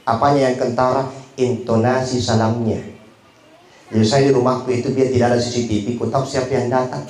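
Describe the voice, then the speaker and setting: Joking preacher with a Makassar accent. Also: male voice, medium pitch, flat delivery, brisk, a little mellow. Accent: Makassar Indonesian. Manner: jokey storytelling, acting out other voices. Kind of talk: humorous sermon. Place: memorial gathering in a market complex. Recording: roomy hall with laughing audience.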